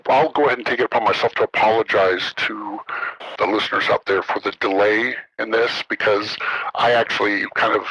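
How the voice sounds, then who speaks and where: A man's voice: fairly low pitch, steady tone, fairly quick, pushed and bright, slightly rough, low-quality recording. A man speaking through a voice alteration that disguises his identity, a former military official talking carefully and hesitantly, with many ums and uhs, in a podcast interview.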